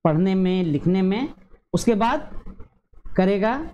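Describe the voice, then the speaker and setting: A male teacher explaining a grammar lesson to teachers and parents, measured, with frequent drawn-out hesitations and slow repeated word pairs. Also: sits high, animated, dark tone, dull audio, a little hiss or hum.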